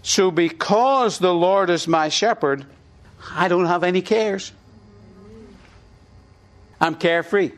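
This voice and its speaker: Preaching slowly and leaving long pauses, a middle-aged Irish pastor guides his flock through call-and-response. His voice sits somewhat high for a man, and he punches short lines so the congregation can echo them.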